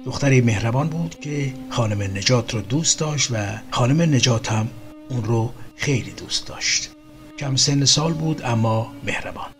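A man calmly narrating a first-person story in a measured, even reading. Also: medium pitch. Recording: faint music underneath.

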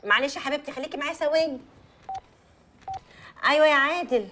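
An actress with an Egyptian accent playing a young woman calming her best friend over the phone. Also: sits high, fast, a little hiss or hum. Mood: soothing. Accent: Egyptian Arabic. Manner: soothing, juggling two phone calls. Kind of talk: Egyptian TV drama acting.

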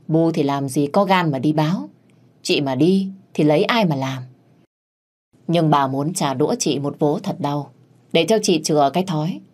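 A woman storyteller giving a steady, expressive dramatic story narration. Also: low voice.

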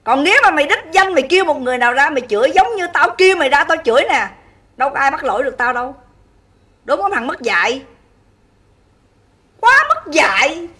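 High sharp-voiced woman ranting on her livestream, scolding hard, keeps asking viewers if she's right. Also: animated, quick pace, far from the mic. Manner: scolding, insulting, rhetorical questions to viewers. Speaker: livestream host. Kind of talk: angry livestream rant.

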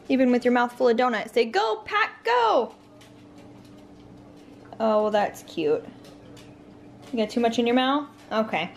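Chatty young mom over household noise. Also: female voice, mid-range voice, a bit bright. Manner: chatty, coaxing her toddler in a sing-song voice. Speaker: family vlogger. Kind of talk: casual vlog chat. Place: family home indoors. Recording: noisy home ambience.

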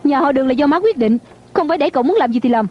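A woman's voice: high voice, lively intonation, very fast, noisy background. A woman dubbing a defiant young daughter-in-law in a TV drama, indignant and lecturing. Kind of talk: dubbed TV drama. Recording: dull lo-fi dub.

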